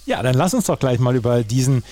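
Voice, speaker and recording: A man's voice: medium pitch, expressive, fast, warm tone. A man hosting a sports podcast, talking through results in fluent German with occasional fillers and restarts. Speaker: podcast host.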